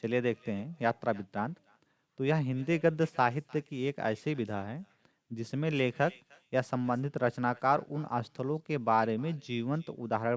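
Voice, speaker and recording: A man, a teacher going through a model exam paper, repeating points steadily with frequent fillers. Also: mid-range voice.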